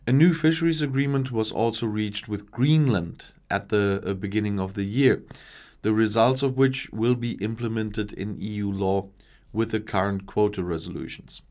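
Guy in his 40s reading news at a desk mic, fairly low voice, steady, little slips here and there. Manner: measured, reads long official passages with small slips. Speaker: news commentator. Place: small home studio with shelves and lights. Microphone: desk microphone in front.

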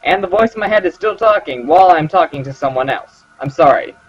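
Speaking fairly quickly with lively intonation and a slightly high pitch, a man narrates a let's play, talking sarcastically to the characters and joking throughout. Game music plays in a slightly dull recording.

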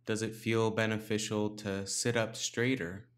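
A male meditation teacher guides listeners in a lower register, giving calm instructions. He speaks unhurriedly in short phrases, pausing between them.

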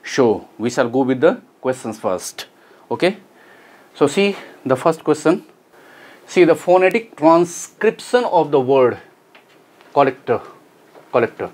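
A man works through entrance exam questions as an English teacher. His voice sits a little high, and he repeats key words slowly so students can follow. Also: expressive, a little mellow. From Nepal. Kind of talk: exam solution lesson.

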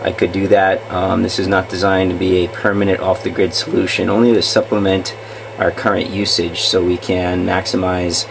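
A man's voice: sits low, flat delivery, moderate pace, creaky, noisy background. New man explaining his gadgets. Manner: plain, explanatory, many ums and uhs. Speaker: channel host. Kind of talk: casual home-project video walkthrough. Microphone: camera mic, off-screen filming.

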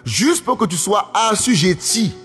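A man's voice: high voice, expressive, unhurried, a bit bright. A man preaching a sermon emphatically, repeating phrases and calling out to his listeners. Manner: emphatic, repetitive, often calls out to listeners. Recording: faint music, long hall reverb.

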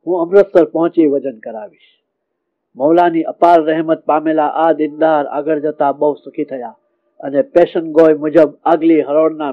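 A man tells a devotional story with feeling, now and then breaking into recited verses and prayers. His voice is a little high for a man. The audio is thin and narrow, like it came over a phone. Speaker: religious storyteller.

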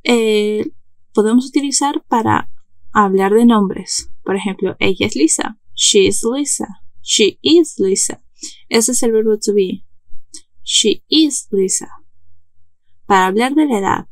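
A woman's voice: mid-range voice, no echo. A woman giving a recorded English lesson, speaking patiently, repeating each example and correcting herself as she goes. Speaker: English instructor. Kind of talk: recorded online language lesson.

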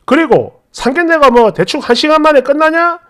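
A woman voicing an old-fashioned online commenter in a loud, contemptuous rant. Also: high-pitched, animated, brisk.

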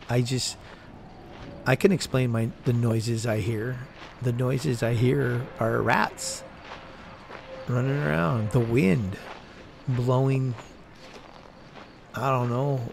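A man with a gravelly, creaky voice talks through an abandoned building in the desert at night, speaking slowly and rambling. His camera is mounted on his chest, and faint crickets and insects chirp in the background. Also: mid-range voice, noisy background. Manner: slow, rambling, self-correcting. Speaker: urban explorer vlogger. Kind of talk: casual walkthrough narration.

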